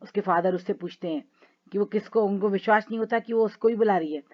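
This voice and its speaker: A woman teacher going through a play line by line, reading the English passages slowly and with feeling, then explaining them in conversational Hindi. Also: medium pitch, lo-fi sound.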